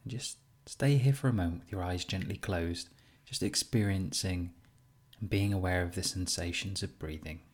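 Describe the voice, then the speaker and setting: A man leading a guided compassion meditation as a teacher, speaking in a gentle, soothing, unhurried way with pauses. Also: low voice.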